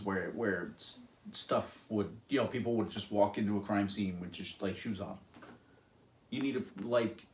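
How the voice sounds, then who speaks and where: A young man co-hosting a casual true-crime podcast, laid-back and joking. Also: on the low side. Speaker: podcast co-host. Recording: echoey room, faint noise.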